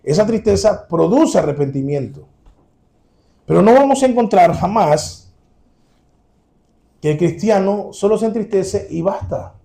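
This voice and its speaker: A man's voice: high-pitched, expressive, measured pace, gravelly, pauses often, dark tone. A man preaching a sermon to his congregation, earnest and direct, repeating his key points.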